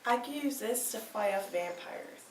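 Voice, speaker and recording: A woman's voice: a little high, lively intonation, moderate pace, a little mellow. A woman giving playful improvised answers and hamming them up. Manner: playful, hams it up. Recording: echoey room, distant mic, noisy.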